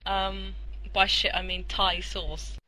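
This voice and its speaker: Exasperated woman with a very bright voice. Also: mid-range voice, flat delivery, takes it slowly, low-quality recording. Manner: explaining step by step, exasperated, swears casually. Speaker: podcast guest presenter. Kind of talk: casual podcast banter.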